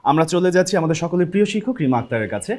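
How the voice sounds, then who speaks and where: A man's voice: on the high side, expressive, rapid-fire, darkish tone. A man hosting a classroom lesson. He mixes Bengali with English and speaks directly to the students. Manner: upbeat, addresses students directly. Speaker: classroom program host.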